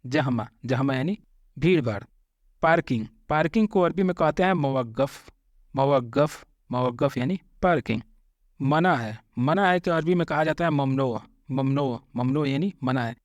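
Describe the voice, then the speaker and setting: A man teaching vocabulary, slowly repeating each word and patiently explaining common mistakes. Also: medium pitch, dry recording, clean studio sound. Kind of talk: Hindi-language vocabulary lesson.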